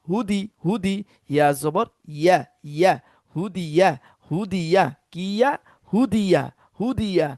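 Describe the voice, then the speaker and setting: Male Quran teacher for a repetition drill: slow, patient syllable calls, recorded dry. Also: high voice, a little mellow, no room sound. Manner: slow drilling, repeats each syllable several times; prompts listeners to repeat after him.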